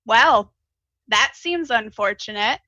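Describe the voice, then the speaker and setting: A woman's voice: a little high, animated, slow, pushed and bright, dry recording, lo-fi sound, exaggerated voice. A woman playing a free-spirited, brash adventurer with a slightly crackly voice and blunt, slangy talk. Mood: dry.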